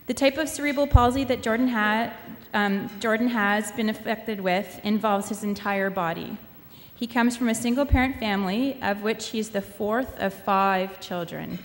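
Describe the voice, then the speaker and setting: A woman giving a formal, somewhat halting introduction as the host of a panel event. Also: on the high side. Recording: echoey hall, noisy background.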